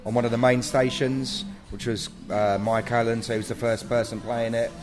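A man's voice: mid-range voice, little pitch movement, normal speed. A middle-aged man with a South London accent, chatting casually and modestly as an interview guest in a laid-back, slangy way. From South London, England. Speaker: guest graffiti artist.

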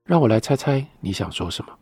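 A man's voice: mid-range voice, sing-song, fast, vocal fry, dark tone, husky, no room sound, faint music behind, pitched above the performer's own voice, exaggerated voice. A man reading as a desperate young woman lover. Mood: searching.

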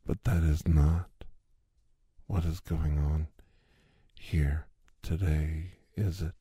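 A man speaking in an intimate roleplay style, soft and lingering, slipping between a low voice and a whisper. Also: steady tone, slightly rough, no room sound, clean studio sound. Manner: slow, soft, lingering delivery with long pauses.

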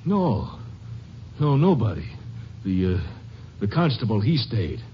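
A shifty, stammering gambler. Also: male voice, lowish voice, sing-song, slow, a little hiss or hum. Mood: evasive. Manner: evasive, stammering, turning panicky. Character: nervous cornered male gambler suspect. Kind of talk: 1950s radio drama acting. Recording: muffled old radio broadcast.

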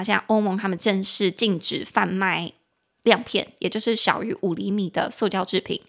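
Woman, podcast host, casual English lesson, chatty, animated, spells words out. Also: vocal fry. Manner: animated pitch jumps, laughs easily.

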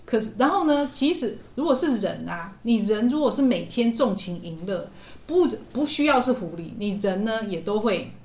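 A woman's voice: fairly high pitch, very animated, normal speed, hardly any pauses, a little mellow. A woman podcast host animatedly retelling a classic tale, with many fillers and acted-out quotes. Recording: echoey room with faint hiss.

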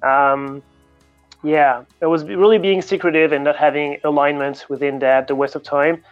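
A native French speaker from France who grew up in Paris, this man has a French accent and a voice on the high side with a steady tone at normal speed. As a coach and guest, he answers interview questions candidly and reflectively, though the recording is muffled with soft music behind him.

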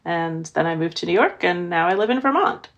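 A woman's voice: lowish voice, expressive, fairly quick, gravelly, lo-fi sound. A middle-aged woman author from the American Midwest, talking thoughtfully in an interview with many "you know" fillers. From Midwestern United States. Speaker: author guest. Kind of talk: conversational interview.

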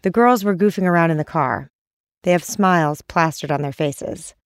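A woman hosting a podcast, narrating from a script in a measured, calm way. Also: lowish voice, no echo, clean studio sound. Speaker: podcast host.

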